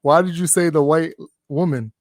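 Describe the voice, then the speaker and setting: A young man co-hosting a podcast, reacting in excitable, slangy chat and calling his friend "bro". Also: on the high side, normal speed, no room sound, studio quality. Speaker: podcast co-host. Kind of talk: casual chat.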